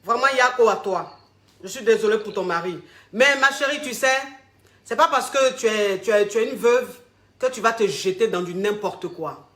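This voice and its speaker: A woman's voice: mid-range voice, normal speed, a bit bright, echoey room. A woman relationship coach on a call-in advice show, giving blunt, preachy advice and mocking insults. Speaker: relationship coach answering callers.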